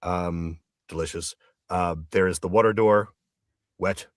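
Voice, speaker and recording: A man's voice: low-pitched, fairly even intonation, a little slow, no room sound. A man playing a tabletop game in character, speaking hesitantly with many fillers and restarts. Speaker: player.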